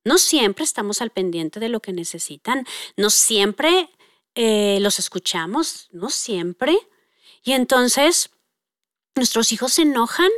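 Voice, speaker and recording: A woman's voice: on the high side, big pitch swings, slow, a bit bright, no echo, clean studio sound. A middle-aged woman talks casually about parenting, with many fillers, and acts out quoted dialogue. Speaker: parenting speaker. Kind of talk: conversational talk on parenting.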